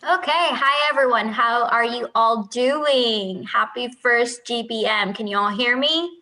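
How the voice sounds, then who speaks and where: A woman's voice: a little high, measured pace, sharp tone, rough recording. A woman in her twenties, from Peru, giving an upbeat, chatty recruiting presentation over a video call. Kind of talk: friendly presentation.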